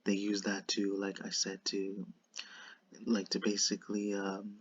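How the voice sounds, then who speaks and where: A man with a lisp and whistling s sounds gives unscripted commentary in a halting, repetitive way, circling back over his phrases. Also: sits low, completely flat delivery, breathy edge, muffled recording. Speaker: online commentator.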